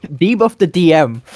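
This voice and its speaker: A man's voice: on the high side, a little mellow, dry recording. A man playing a tabletop game, trading casual, joking banter with the group.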